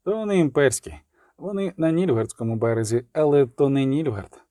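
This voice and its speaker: A man voicing a grim knight who speaks slowly and firmly. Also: mid-range voice, lively intonation, mellow, no room sound, clean studio sound, lightly acted. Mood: gloomy. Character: grim young male knight, measured and solemn.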